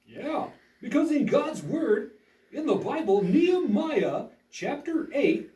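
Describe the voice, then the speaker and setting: A man's voice: very high-pitched, very animated, slow pace, warm tone. A man hosting a children's puppet show as a pastor, giving an earnest, upbeat lesson like a school lecture. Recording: roomy echo, distant mic.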